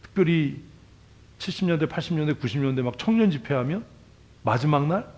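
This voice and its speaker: A male pastor preaching a sermon in a church, talking casually and bluntly, peppering the congregation with questions and swinging between loud emphasis and quiet asides. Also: on the high side, animated, a little fast, dull audio. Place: church sanctuary.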